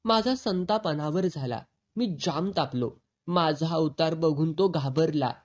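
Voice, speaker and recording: A man narrating a novel in the first person, with expressive storytelling. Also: on the high side, a little slow. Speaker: audiobook narrator.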